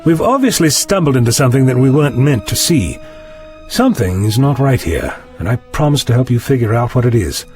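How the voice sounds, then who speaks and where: A man's voice: medium pitch, big pitch swings, brisk, a little mellow, faint music behind, close to an everyday voice. A man playing an eccentric, curious time-travelling doctor in an audio drama, polite but dismissive, with a musing theatrical delivery. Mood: intent, investigative. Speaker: lead actor in an audio drama.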